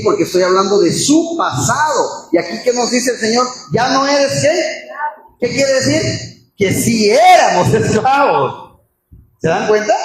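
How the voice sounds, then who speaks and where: High-voiced preacher in echoey room. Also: male voice. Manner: asks the congregation questions, acts out quoted voices. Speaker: pastor. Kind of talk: expository sermon. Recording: echoey room with faint ambient noise.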